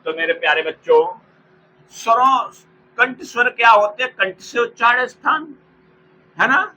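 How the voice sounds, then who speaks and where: A man teaching an exam-prep grammar lesson, repeating each term slowly for students to write down and calling them by fond names. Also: very high-pitched, lively intonation, pushed and bright, slight background noise, poor audio. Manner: slow, repeats terms for dictation; addresses students fondly.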